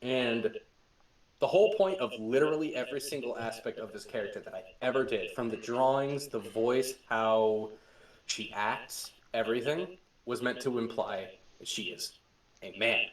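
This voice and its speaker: A young man hosting a podcast as a game master, telling stories excitedly with laughter and swearing. The recording is roomy, with a distant mic. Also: mid-range voice, moderate pace. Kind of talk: casual chat.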